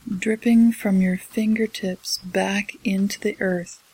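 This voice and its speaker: Guided relaxation voice: soft spa-like whisper, breathy, slow and soothing. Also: mid-range voice, fairly even intonation, poor audio. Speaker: meditation guide.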